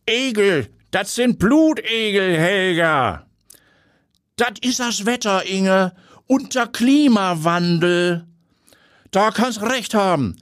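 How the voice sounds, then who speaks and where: Chatty old beach ladies. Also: male voice, sits high, animated, slow, a bit bright, no echo, clean studio sound, pitched above the performer's own voice, exaggerated voice. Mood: gossipy. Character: two chatty older women at the beach, homely.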